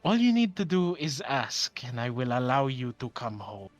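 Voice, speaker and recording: A man's voice: mid-range voice, very animated, moderate pace, lo-fi sound, natural voice. Man voicing a possessed monster, eerily tender. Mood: tender, luring. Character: dying monster speaking tenderly in an unnatural human male voice. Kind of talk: tabletop game role-play.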